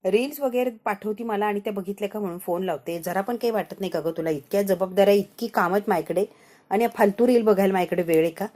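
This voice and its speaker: A woman's voice: mid-range voice, fast talker, dark tone, natural voice. A woman voicing an impatient, scheming young woman who scolds and rambles. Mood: irritated.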